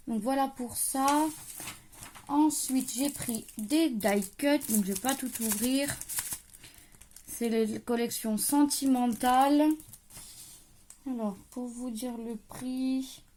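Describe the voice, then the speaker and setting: A chatty young woman with a light regional accent walks through her craft haul at home, thinking aloud. Her voice sits a little high but has a mellow, soft-edged tone. Faint background hiss and paper rustling sit under it. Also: slow pace, long pauses. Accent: French-speaking, regional. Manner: chatty, thinks aloud while unpacking, trailing off. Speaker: crafting vlogger showing a haul. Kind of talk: casual haul chat to camera. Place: at home, at a craft table, creaky chair.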